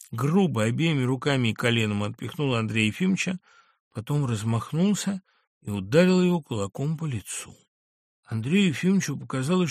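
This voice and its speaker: A man reads a classic story aloud with measured, expressive narration. His voice sits a little high for a man, recorded close and completely dry. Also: no room sound. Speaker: audiobook narrator. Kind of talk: literary audiobook narration.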